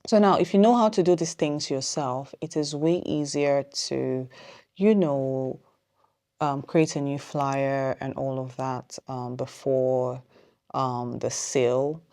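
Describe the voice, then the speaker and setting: A woman's voice: a bass voice, fairly even intonation, warm tone. A woman who owns a small business, giving casual vlog advice and thinking aloud with plenty of ums. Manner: says she is talking fast.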